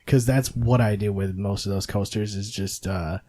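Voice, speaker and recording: A man's voice: on the low side, moderate pace. A man in casual podcast chat who laughs often, swears freely and tells stories with energy. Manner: laughing, swearing, animated storytelling.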